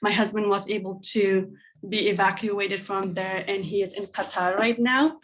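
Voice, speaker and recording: Young woman from afghanistan, mid-pitched, talking heartfelt and conversational on a call. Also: fairly even intonation, moderate pace, a little hiss or hum, low-quality recording. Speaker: speaker at a community briefing. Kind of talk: personal testimony on a video call. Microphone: video call.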